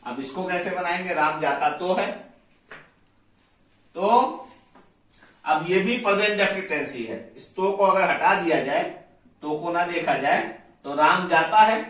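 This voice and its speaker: A man teaching English grammar, explaining each rule step by step and slowly repeating his examples. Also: high-pitched, fairly bright tone, recorded from a distance. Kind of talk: slow classroom explanation. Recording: very echoey room, voice away from the mic.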